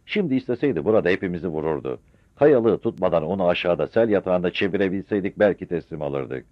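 A man's voice: low voice, lively intonation, fast, no echo. A man voicing a seasoned gendarme sergeant, matter-of-fact and respectful, in a dull, dry old radio recording. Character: seasoned male gendarme sergeant, calm and knowing.

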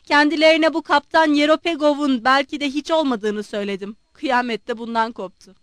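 A woman's voice: high voice, fairly even intonation, fairly quick, no room sound, studio quality, lightly acted. A woman voicing a sickly young man who speaks in a mocking, insistent way.

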